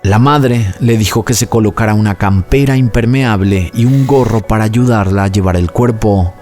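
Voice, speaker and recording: A man with a low voice reads a scripted documentary narration in a measured, even way. Soft music plays faintly beneath him. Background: faint background music.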